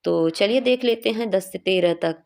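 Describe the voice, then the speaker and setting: A woman's voice: medium pitch, normal speed, gravelly, darkish tone. A young woman teaching a Hindi exam revision class, explaining each answer patiently and often checking in with her students.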